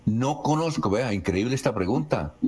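A man's voice: mid-range voice, animated, normal speed, a little mellow, husky, faint music behind. A man, a radio host who reads out listeners' questions and announces the time. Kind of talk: reading listener questions on air.

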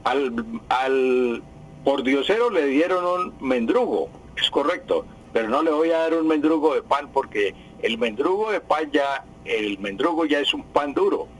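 A man's voice: medium pitch, lively intonation, measured pace, rough recording. A man, a language professor on a radio show, explaining correct usage in a didactic way and repeating the right form. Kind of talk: radio language advice segment.

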